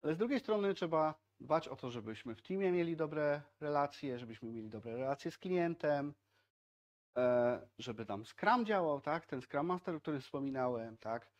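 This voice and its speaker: Man, 30s, meetup tech talk, fairly high voice, chatty with lots of fillers. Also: expressive, normal speed, highs cut off. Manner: conversational, frequent filler "tak?" and "e". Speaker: software team speaker at a tech meetup. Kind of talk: casual conference talk. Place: meetup room in front of projected slides.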